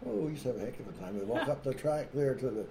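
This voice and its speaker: A man's voice: medium pitch, lively intonation, very fast, creaky, over a noisy crowd. An older man, reminiscing in a casual, rambling way with many fillers and chuckles. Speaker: local elder recalling old times. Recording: roomy room echo, light noise.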